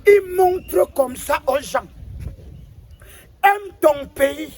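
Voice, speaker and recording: A man's voice: extremely high pitch, expressive, extremely slow, darkish tone, heavily acted. A man playing a pompous old self-styled spokesman of the ancestors, rambling and stammering as he sermonizes. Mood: sermonizing. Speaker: comic figure lecturing on national football. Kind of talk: comedy sketch monologue.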